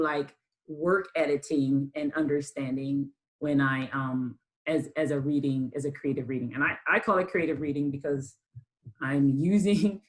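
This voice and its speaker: A lower-pitched woman leads a college writing class over a video call. She speaks casually and often pauses with ums and restarts. Her voice sits on the deep side for a woman. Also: poor audio. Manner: hesitant, many ums and restarts. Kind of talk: online class lecture.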